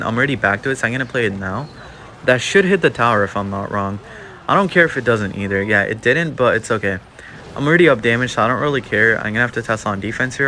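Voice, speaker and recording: A bright-voiced young gaming YouTuber narrates his gameplay live, sounding slightly hoarse as he starts losing his voice. His pitch sits on the low side, and his relaxed play-by-play is packed with "like" and "um." A little hiss or hum is audible.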